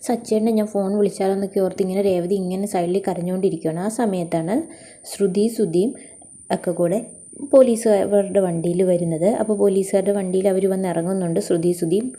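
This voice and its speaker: A woman rattles off a recap of a TV serial episode at a brisk clip. Her voice is dark and mellow and barely rises or falls, and she keeps stumbling over her words before restarting them, always in the same casual tone. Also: on the low side, steady tone. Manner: rambling retelling with frequent fillers and self-corrections.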